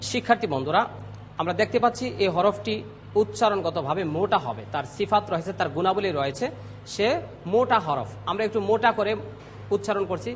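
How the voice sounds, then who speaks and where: A man teaching Arabic letter pronunciation on a TV lesson, speaking slowly and repeating each sound loudly for students. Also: sits high, lively intonation, in a large hall, a little hiss or hum. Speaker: Quran recitation teacher. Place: TV studio.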